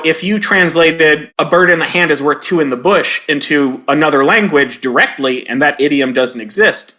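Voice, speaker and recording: A man's voice: on the high side, sharp tone. A man in his forties being interviewed, telling stories and acting out quoted lines in a raised voice. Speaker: guest, game localizer and comedy writer. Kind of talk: conversational interview storytelling.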